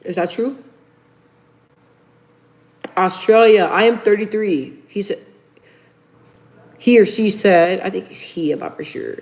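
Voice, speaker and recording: Speaking at a measured pace with long pauses, a thirtysomething woman with a medium-pitched, darkish voice hosts a laid-back livestream. She chats informally, reads viewers' comments aloud, and calls them "you guys."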